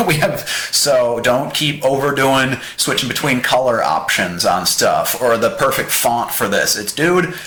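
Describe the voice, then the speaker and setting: A man's voice: mid-range voice, unhurried, few pauses, fairly bright tone. A man hosting a podcast, chatting casually and speaking emphatically, sometimes repeating words. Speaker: podcast host. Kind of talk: casual chat. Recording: roomy echo.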